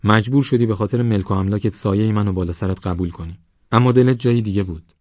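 A man's voice: fairly low pitch, a little mellow, no echo, natural voice. A man voicing a tired, harsh and sarcastic village husband who hurls bitter accusations. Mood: angry, accusing. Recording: dull lo-fi audio.

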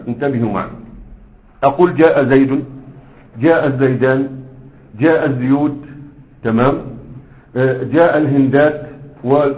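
Fast-talking Egyptian grammar teacher, tinny and echoey. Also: male voice, medium pitch. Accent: Egyptian Arabic. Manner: keeps asking students rhetorical questions; slow, repeated drilling of examples. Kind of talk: classroom grammar lesson. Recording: echoey room over a thin phone-like line.

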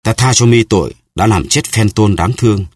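A man's voice: lowish voice, animated, normal speed, dry recording, clean studio sound, voice pushed up. A man voicing a stern, solemn baron. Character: stern aristocratic baron seeking vengeance.

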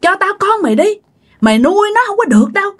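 A woman's voice: very high-pitched, sing-song, fast, voice pushed up. Woman voicing a taunting toothless old ghost woman. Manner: taunting, repeating demands with a sneering laugh.

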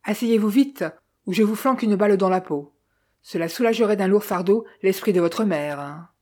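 A woman reading the part of a calm, polite male detective with formal, measured speech. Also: mid-range voice, close to an everyday voice. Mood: stern.

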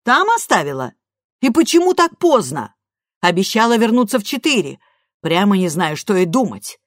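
A woman's voice: medium pitch, very animated, moderate pace, dry recording, studio quality, pitched above the performer's own voice. A woman voicing a worried, tearful middle-aged mother who scolds and frets, in an audiobook. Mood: reproachful. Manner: fretful, reproachful, tearful. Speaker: audiobook reader. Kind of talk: audiobook character voice.

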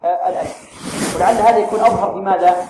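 A man teaching Quran recitation, quizzing his students and modelling slow, drawn-out pronunciations. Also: high voice, fairly even intonation, warm tone. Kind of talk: tajweed lesson with students. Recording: echoey room, faint noise.

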